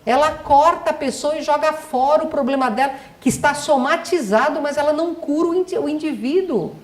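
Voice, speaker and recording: In an echoey hall, a middle-aged woman who is a doctor gives a spiritual lecture in a high, fairly quick voice. She speaks emphatically and poses rhetorical questions to the audience.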